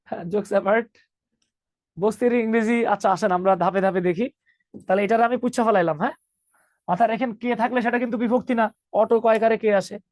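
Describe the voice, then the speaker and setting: A man's voice: sits high, fairly even intonation, a little fast, long pauses, a little mellow, dry recording. A man teaching an online English grammar class, joking with students and calling them 'baba'.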